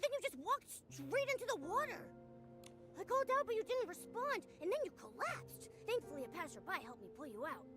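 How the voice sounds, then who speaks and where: A small, loyal video game creature who is excitable and anxious. The voice is squeaky and extremely high, swinging widely in pitch. Music runs behind it. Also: female voice, fairly quick. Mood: worried explaining. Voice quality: squeaky, childlike. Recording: music under the voice.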